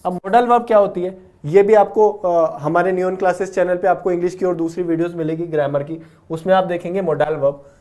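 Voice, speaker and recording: A man's voice: high-pitched, fairly even intonation, brisk, mellow. Patient man teaching vocabulary. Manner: explains patiently, ends points with a checking "okay?"; mixes English words into Hindi speech. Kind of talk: classroom lecture explaining word roots.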